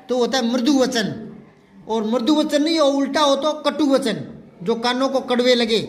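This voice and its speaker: Man, very high voice, slow deliberate delivery, patient classroom teacher repeating words. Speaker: Hindi teacher. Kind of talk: classroom lesson.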